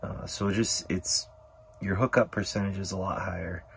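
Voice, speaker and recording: Gravelly-voiced man vlogging from an ice shelter. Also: low voice, normal speed, a little hiss or hum. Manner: relaxed, talks to the fish, drops to a hushed whisper when excited. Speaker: outdoor vlogger. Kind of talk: casual solo fishing commentary. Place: inside a small ice fishing shelter on a frozen lake.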